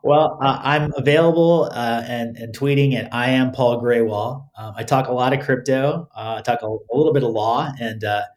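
A man giving considered interview answers as a guest, often halting and repeating words as he starts phrases. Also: mid-range voice, a little mellow. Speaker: podcast guest, crypto legal expert.

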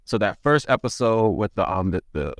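A man's voice: lowish voice, animated, normal speed, no echo, clean studio sound. A man recalling a demanding acting role with candid, self-mocking humor. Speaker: interviewed actor. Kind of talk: casual interview recollection.

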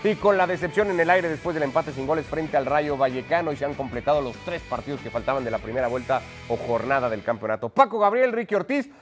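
A man's voice: mid-range voice, animated, quick pace, hardly any pauses, faint music behind. A man hosting a football discussion show, speaking in an emphatic, conversational way. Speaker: sports show host.

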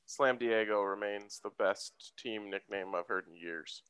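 A man's voice: lowish voice, measured pace, a bit bright, smooth, no echo. A man co-hosting a sports betting show, with casual banter and loosely delivered ad reads.

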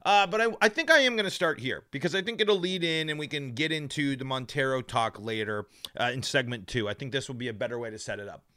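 A man's voice: mid-range voice, quick pace, hardly any pauses, pushed and bright. A man hosting a live sports podcast, his mouth numb from the dentist, talking emphatically with stumbles and repeated words. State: mouth numb from dental work.

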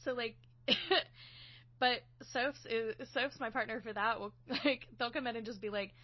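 On a casual podcast chat, a woman who writes and sound-designs audio dramas talks about collaboration, laughing a lot and saying "like" as filler. Her voice is on the high side, with a steady tone and measured pace, and the audio sounds dull.

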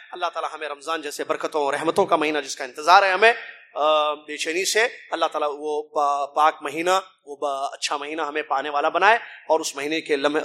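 A middle-aged preacher from India or Pakistan speaks in a high, bright, ringing voice. He delivers an emphatic mosque sermon, throwing out rhetorical questions and calling his listeners brother. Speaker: preacher translating a Friday sermon.

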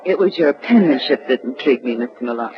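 Benita, sassy sultry nightclub singer. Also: female voice, a bass voice, lively intonation, fast, background noise. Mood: cool, teasing. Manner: flippant, teasing, cool. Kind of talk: 1940s-50s radio noir acting. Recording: muffled old radio recording, music behind.

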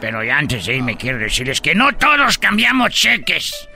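A man putting on a loud joking Chinese character. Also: wildly swooping pitch, normal speed, heavily acted. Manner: comic bits with sudden high shouts. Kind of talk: radio comedy sketch.

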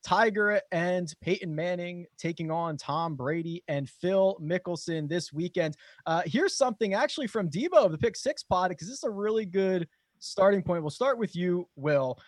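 A high-voiced man hosting a golf podcast. He is upbeat and quick to laugh as he introduces each guest. The recording is dry. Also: lively intonation, dry recording. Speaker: podcast host. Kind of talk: casual chat, introducing guests.

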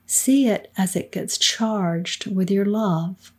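A middle-aged woman with a soft, soothing, breathy voice, leading a guided meditation in a calm, unhurried manner with hushed phrase endings. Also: medium pitch. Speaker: guided meditation leader, podcast co-host.

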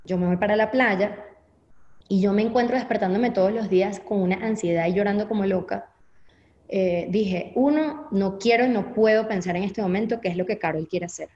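A young adult woman with a Venezuelan Spanish accent appears as an interview guest, candidly telling her own story and acting out what she used to think. Her voice is medium-pitched and darkish, at a normal speed. The audio is echoey and slightly dull.

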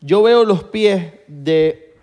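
In a large hall, a young man with a Venezuelan accent chats and jokes as a podcast co-host, animated and full of slang. His voice sits high, and he speaks extremely slowly in this casual conversation.

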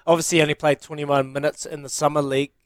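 A man's voice: on the high side, flat delivery, fast, dry recording, clean studio sound. A man from New Zealand hosting a casual sports interview and putting questions to a guest. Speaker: interviewer, sports show host.

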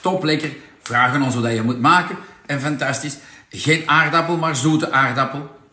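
A man with a Flemish accent presenting products in a casual, persuasive sales pitch, full of tag questions. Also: normal speed, sharp tone, echoey room.

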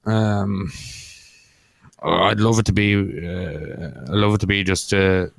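A man's voice: sits low, steady tone, takes it slowly, vocal fry, no echo. A man co-hosting a podcast in casual chat, hesitant and understated, often restarting his phrases. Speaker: podcast co-host and MMA analyst.

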